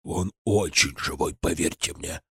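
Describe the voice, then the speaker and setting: A man voicing the frightened ghost of an old official in an audiobook, talking in a higher, slow, pleading way. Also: vocal fry, bright, forceful tone, husky, no echo, exaggerated voice. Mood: secretive. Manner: pleading, drawn-out, fearful. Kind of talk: audiobook character voice.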